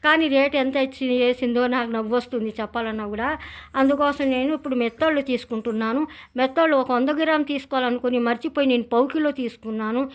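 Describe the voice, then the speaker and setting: Woman, middle-aged, telugu village accent, high voice, rambling home cooking vlog talk. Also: fast. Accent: Telugu village speech. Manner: chatty, rambling storytelling with many restarts. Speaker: cooking channel host. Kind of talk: casual cooking vlog narration.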